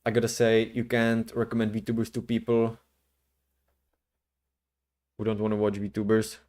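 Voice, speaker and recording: A man chatting casually as the host of a livestream, rambling in a slangy, halting way. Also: on the low side, completely flat delivery, darkish tone. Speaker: streamer, VTuber host.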